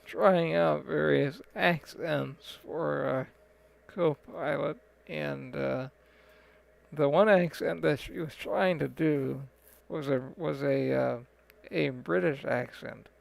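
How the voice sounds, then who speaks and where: A man's voice: on the high side, slow pace, gravelly, poor audio. A man giving casual, rambling live-stream commentary on a flight sim, full of fillers and restarts.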